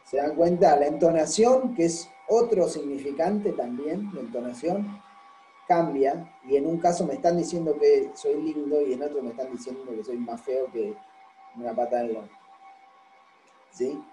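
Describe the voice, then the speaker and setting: A man's voice: on the high side, moderate pace, dark tone, reverberant, soft background music, rough recording. A man giving a university lecture. He explains patiently and keeps checking that the class follows. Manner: explanatory, constantly checks understanding with "¿sí?".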